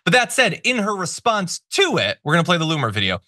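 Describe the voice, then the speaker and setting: Animated, bright-voiced man giving indignant political commentary. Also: sits high, fast talker, no room sound, studio quality. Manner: indignant, sarcastic, emphatic. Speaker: political talk show host. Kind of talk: opinionated news commentary.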